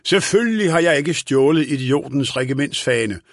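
A man's voice: on the high side, animated, no echo, studio quality. A man voicing a fussy senile old lawyer. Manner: querulous, scolding, raised voice. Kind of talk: audiobook character voice.

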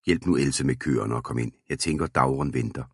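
Storybook father figure, a measured, admonishing old farmer, read by a man, very deep, husky. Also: dry recording, studio quality, exaggerated voice. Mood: grave. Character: older male farmer, grave and cautious.

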